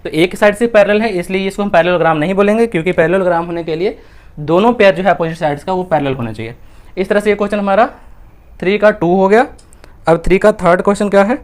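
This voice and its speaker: A man's voice: high-pitched, fast. Indian man teaching maths in Hinglish. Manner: mixes Hindi with English, asks and answers his own questions. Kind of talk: explaining textbook exercises step by step.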